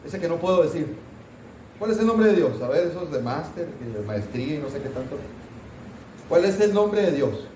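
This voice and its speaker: A man's voice: on the high side, big pitch swings, moderate pace, mellow, distant mic, a little hiss or hum. Man teaching a Bible class from off-mic. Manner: conversational, asks the class questions, mock scolding asides. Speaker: pastor teaching Sunday school. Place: church classroom. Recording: roomy church hall, voice from off-mic.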